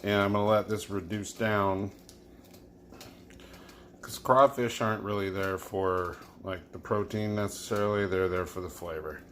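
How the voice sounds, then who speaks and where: Tipsy, slow-talking man with a low voice. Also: fairly even intonation, fairly bright tone, a little hiss or hum. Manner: tipsy from drinking, loose and chuckling. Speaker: host of a home cooking video. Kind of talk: casual cooking demonstration, talking to viewers. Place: home kitchen.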